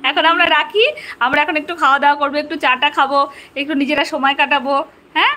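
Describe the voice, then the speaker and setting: A woman's voice: high-pitched, quick pace, bright, forceful tone. A woman, a mother vlogging at home on her phone, coaxing and teasing her small son in a sing-song voice. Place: at home indoors.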